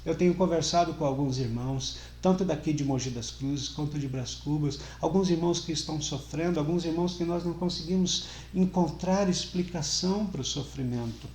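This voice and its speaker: A middle-aged pastor preaching in a reverberant church room. His voice sits somewhat high for a man, and he delivers the sermon earnestly, swelling louder to press a point and sinking soft for tender moments. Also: fairly quick, hardly any pauses, a little hiss or hum. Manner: earnest, rises and falls in volume for emphasis.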